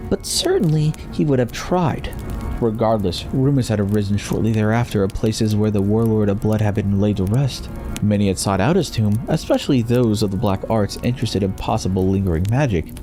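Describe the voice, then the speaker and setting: A man's voice: on the low side, normal speed, warm tone, faint music behind. A man giving a solemn, theatrical scripted narration of a fantasy story.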